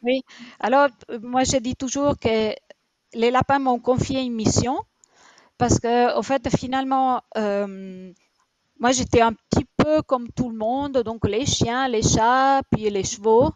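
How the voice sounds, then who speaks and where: This interview guest is an Italian woman in her forties who founded a rabbit shelter and answers in French with an Italian accent. Her replies are hesitant, packed with fillers and restarts, in a steady, slightly mellow voice on the high side that moves a little slowly. The recording is dry and the audio is dull.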